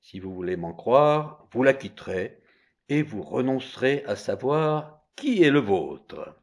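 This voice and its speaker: A man voicing the boy seer Merlin, bold, accusing and solemn, in loud pressing declamation. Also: on the high side, sing-song, a little slow, pitched above the performer's own voice, heavily acted.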